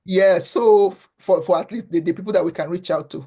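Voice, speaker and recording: A woman originally from Africa, who founded a foundation, speaks as a guest in a conversational interview. Her voice is lowish, dark and husky, and she talks fairly quickly, earnestly repeating words as she searches for them.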